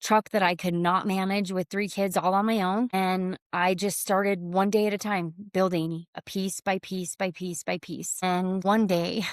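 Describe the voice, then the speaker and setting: A woman's voice: fairly low pitch, level tone, a little slow, hardly any pauses, no echo, clean studio sound. A middle-aged woman hosting a podcast, telling a personal story in an earnest, heartfelt, confessional way. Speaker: podcast host.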